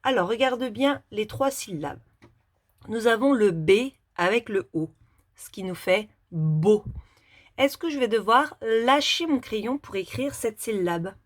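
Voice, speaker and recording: A woman teaching young children handwriting, talking slowly step by step as she writes. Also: fairly high pitch, expressive. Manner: slow, step-by-step demonstration while writing.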